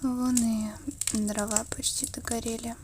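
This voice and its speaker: A woman in an ASMR role-play as an affectionate, wistful girlfriend, murmuring slowly and intimately between a soft voice and a soft voice. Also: on the high side, flat delivery, slight background noise.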